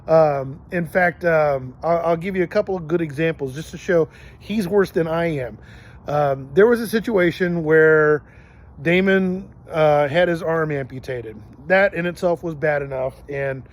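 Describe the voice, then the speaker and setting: A middle-aged man hosting a podcast, telling personal stories in an earnest, rambling way with many fillers and restarts. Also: fairly high pitch. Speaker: podcast host. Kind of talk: casual storytelling monologue.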